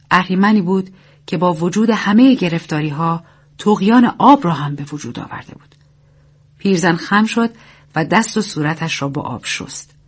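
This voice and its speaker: A woman reading a story aloud as narrator, in a steady, measured reading. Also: on the low side, breathy edge. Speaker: audiobook narrator.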